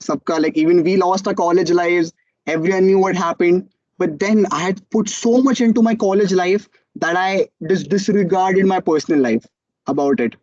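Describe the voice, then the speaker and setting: High-voiced young Indian-accented man. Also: normal speed, no echo, highs cut off. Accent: Indian English. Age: young adult. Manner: animated storytelling, acts out quotes. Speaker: student entrepreneur speaker. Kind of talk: motivational talk.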